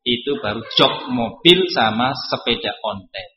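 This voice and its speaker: Lively joking preacher. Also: male voice, a little slow. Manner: lively, joking asides, sudden pitch jumps for emphasis. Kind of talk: Islamic study sermon. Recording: roomy, dull lo-fi recording.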